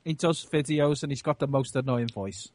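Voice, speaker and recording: A man's voice: mid-range voice, normal speed, a little mellow, dry recording. A man from Britain trading short, blunt, dry quips in a casual radio chat.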